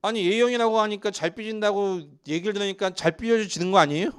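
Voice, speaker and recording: A man's voice: high-pitched, a little fast, clear, resonant tone. A male pastor from Seoul preaching a sermon in a church and joking with the congregation. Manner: joking with the congregation, lively asides. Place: church sanctuary.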